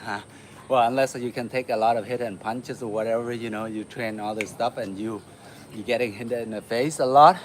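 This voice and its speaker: A man from Vietnam hosting a martial arts livestream, chatting casually with viewers while he warms up, with lots of uh fillers. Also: medium pitch, brisk, a little hiss or hum. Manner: relaxed, chatty, many uh fillers, laughs often. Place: home in the city.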